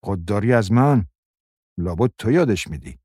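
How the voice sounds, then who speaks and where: A man voicing a timid, frightened middle-aged wife who stammers in a husky voice. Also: on the low side, expressive, dark tone, dry recording, clean studio sound. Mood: stammering. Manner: stammering, fearful.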